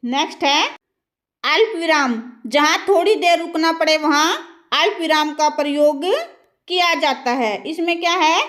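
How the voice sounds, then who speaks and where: High-voiced woman teaching slowly. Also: fairly bright tone. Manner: asks the class questions and then answers them herself. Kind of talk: grammar lesson.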